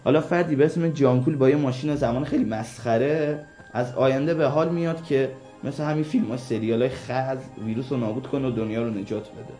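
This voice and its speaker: A man's voice: medium pitch, fairly even intonation, mellow, faint music behind. A man co-hosting a radio show, recommending series in a casual, teasing banter. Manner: teasing, joking.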